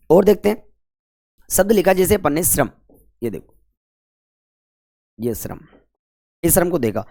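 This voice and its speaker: A man's voice: on the high side, very animated, measured pace, creaky, long pauses. Male tutor, whiteboard lesson, repeats each question and answer. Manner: repetitive call-and-response questioning, colloquial 'apan'. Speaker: Hindi grammar teacher.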